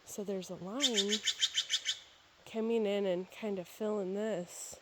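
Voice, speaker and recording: A woman's voice: medium pitch, steady tone, slow. A woman chatting casually as she walks and narrates a video tour outdoors by a babbling creek. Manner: chatty, talking while walking. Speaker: real estate agent filming a property walkthrough. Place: outdoors on a wooded property by a creek. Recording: faint outdoor background noise. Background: outdoor ambience by a babbling creek.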